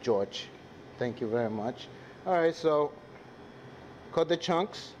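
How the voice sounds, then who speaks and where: The speaker is a chef from the Dominican Republic, a native Spanish speaker with a Dominican accent, casually chatting to viewers and crew during a live cooking demo. He talks slowly and expressively in a slightly high voice. Despite the muffled recording, kitchen noise and sizzling are plainly audible.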